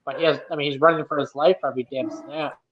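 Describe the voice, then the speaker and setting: A man's voice: on the high side, steady tone, quick pace. A man in a casual podcast chat, making blunt, short remarks. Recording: dull lo-fi line with crowd noise.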